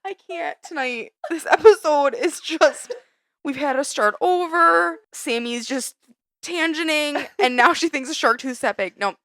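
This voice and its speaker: A woman co-hosting a casual podcast, animated and exasperated, swearing freely. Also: sits high, unhurried, dry recording. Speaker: podcast co-host. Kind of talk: casual chat.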